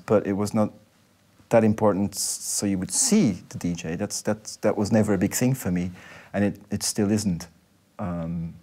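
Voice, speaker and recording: A man, a DJ speaking thoughtfully and at a measured pace in an interview. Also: sits low, darkish tone. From Belgium. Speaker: DJ and producer, interview guest. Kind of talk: reflective interview talk. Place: nightclub.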